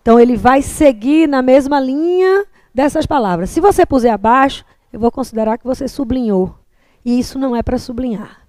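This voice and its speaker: A woman teacher with a Brazilian Portuguese accent gives a classroom lecture on handwriting and margins, explaining patiently and checking in often. Her voice is high and brisk with a darkish tone, recorded dry.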